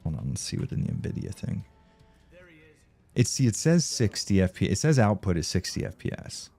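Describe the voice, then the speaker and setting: Man streaming live, deep, mellow tone, profane and rambling, faint music behind. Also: very animated, normal speed. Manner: profane, rambling, laughs often. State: tired from no sleep. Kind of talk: casual live-stream chat.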